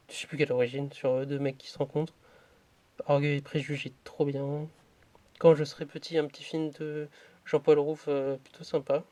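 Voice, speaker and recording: A man giving casual running commentary, rattling off titles with quick offhand remarks as he shows his collection. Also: fairly high pitch, mellow. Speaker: vlogger showing his DVD collection.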